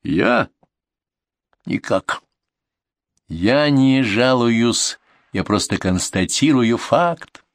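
A man voicing a gloomy, dignified donkey in an audiobook reading, talking glumly, slowly and deliberately. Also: medium pitch, expressive, no echo, studio quality. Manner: glum, slow, deliberate.

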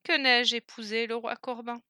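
A woman voicing a spoiled young princess who speaks in a high, lamenting, fussy way. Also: little pitch movement, moderate pace, sharp tone, smooth, dry recording, studio quality. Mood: plaintive.

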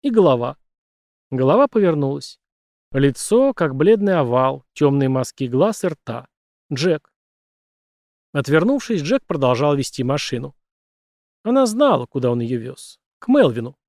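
A man's voice: mid-range voice, very animated, unhurried, long pauses, darkish tone, no room sound, studio quality. A man narrating an audiobook thriller in a tense, dramatic storytelling manner.

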